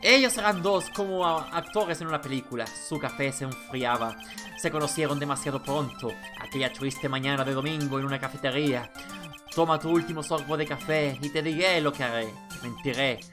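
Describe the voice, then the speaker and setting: A woman's voice: low-pitched, a little fast, over music, lightly acted. A woman playing a man who recites melancholy poetry sentimentally. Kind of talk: dramatic poem reading in a game playthrough.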